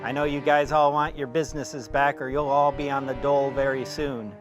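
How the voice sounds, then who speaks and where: An actor playing a gruff shark hunter, reading his lines flatly in his own plain voice and stumbling over them. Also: medium pitch, music in the background, natural voice. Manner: flat, halting line reading in his plain voice. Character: gruff middle-aged male shark hunter, flat and halting. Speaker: performer doing a movie scene reenactment.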